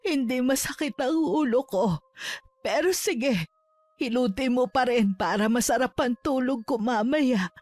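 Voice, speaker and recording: A woman's voice: a little high, unhurried, no room sound, close to an everyday voice. A woman voicing a loving mother who is tender with her son and fierce toward those who threaten him. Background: faint music.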